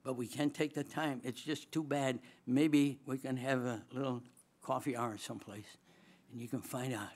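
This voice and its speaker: An older man, formerly a dean, preaches a storytelling chapel sermon at a lectern microphone in a large auditorium, speaking with a Swedish accent. His voice is mid-range and his speed normal. Lively and full of humor, he laughs often and gestures expansively.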